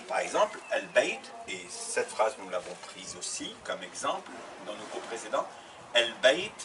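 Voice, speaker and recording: A man teaching a grammar lesson, asking questions and answering them himself, repeating examples. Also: lowish voice. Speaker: Arabic teacher. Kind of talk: classroom lesson explaining grammar. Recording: slightly distant mic, faint background noise.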